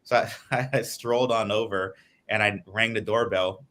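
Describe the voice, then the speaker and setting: A man's voice: on the low side, fairly even intonation, moderate pace, fairly bright tone. A man from Guyana, a political candidate, giving earnest, lengthy answers in an interview over a video call.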